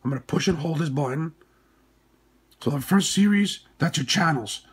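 A man with a hoarse, stuffy-nosed voice after surgery, giving informal step-by-step instructions in short, plain phrases. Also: fairly high pitch, animated, moderate pace. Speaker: tutorial presenter. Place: indoors at a workbench.

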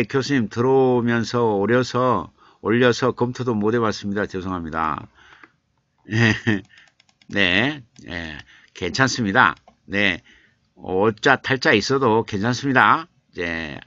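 Older male professor streaming live, playful and repetitive as he reads out chat; bright, forward voice over dull lo-fi audio. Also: mid-range voice, dry recording. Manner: chatty, reads viewer comments aloud and teases them playfully; explains patiently, repeating himself. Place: home streaming room.

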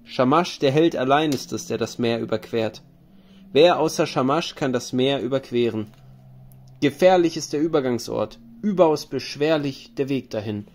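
A man's voice: medium pitch, normal speed, darkish tone, lightly acted. A man reading a grave tavern keeper woman. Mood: warning. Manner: grave, warning recitation. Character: wise female tavern keeper, stern counsel.

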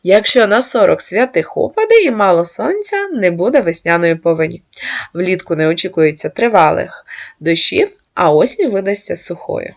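Female narrator, scripted read, lively pitch, gravelly edge. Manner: measured reading aloud of folk sayings. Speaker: channel host and narrator.

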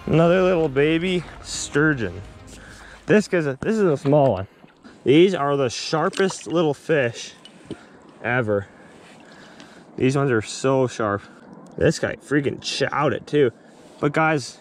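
A young man filming himself fishing on a river shore, chatting excitedly on an action camera with lots of fillers and restarts. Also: mid-range voice, slight background noise. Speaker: fishing vlogger. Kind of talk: casual on-the-spot fishing commentary. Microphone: action camera on body.

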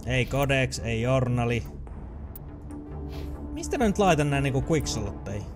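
A young man with a Finnish accent giving excitable, chatty let's play commentary, swearing and laughing often as he plays. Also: medium pitch, music in the background. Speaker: gaming channel host.

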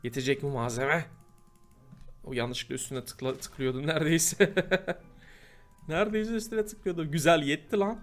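A man giving casual gameplay commentary, chatty and prone to loud, exasperated outbursts. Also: on the high side, measured pace, long pauses. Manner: chatty, bursts into loud exasperated shouting at mobs. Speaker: gameplay host. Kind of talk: casual Minecraft let's play commentary.

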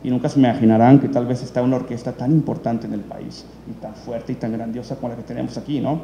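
Hosting an event, a man presents documentaries in unscripted, rambling speech crowded with fillers and false starts. His medium-pitched voice is steady and warm, with some vocal fry and a quick pace, and the echoey hall carries a little background noise.

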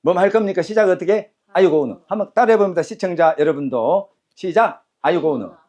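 Brisk, commanding male English teacher. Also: sits high, a little mellow. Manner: brisk and commanding, barks cues and repeats phrases. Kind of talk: classroom lecture with call-and-repeat drills.

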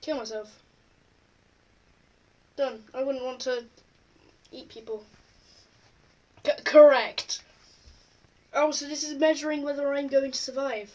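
A woman with a high voice chats casually through an online quiz, reading each question aloud and answering offhand. She sits a little back from the microphone, so her voice carries some distance. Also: steady tone, moderate pace, pauses often, darkish tone. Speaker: vlogger. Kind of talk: casual chat while taking an online quiz.

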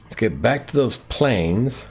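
A man's voice: medium pitch, lively intonation, slow, darkish tone, husky, faint music behind. A man streaming a survival game live, chatting playfully to himself and to the animals on screen. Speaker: gaming streamer. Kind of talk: live gameplay commentary.

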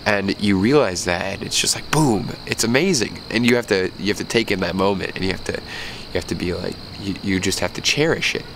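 Speaking fairly quickly in a low, slightly bright voice, a stuffed-up young man in his twenties vlogs to a handheld camera at arm's length outdoors at night, crickets audible. His casual talk is reflective and earnest, rambling with restarts. The recording is rough, with a little hiss or hum.

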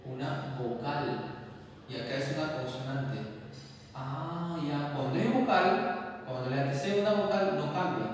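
A man's voice: mid-range voice, normal speed. A man teaching a lesson, explaining rules step by step, repeating himself and checking that listeners follow. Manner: repeats points and checks understanding. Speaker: English teacher. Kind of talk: classroom explanation. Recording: echoey room, voice from far off, faint hiss.

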